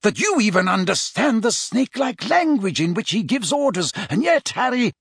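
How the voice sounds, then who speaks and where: A man voices an old, wise headmaster wizard in an audiobook, an earnest, urgent mentor speaking formally and emphatically, impatient and agitated. He pitches his voice high above his own, exaggerated and very animated, at a measured pace with a breathy edge. The recording is dry, studio quality.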